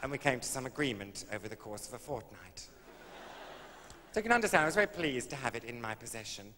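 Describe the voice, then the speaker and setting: A man's voice: mid-range voice, fast, a crowd in the background. Dry man telling stage stories. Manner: dry, camp, deadpan delivery. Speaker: cabaret comedian. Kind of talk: stand-up storytelling. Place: live stage venue. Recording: live hall recording from a video.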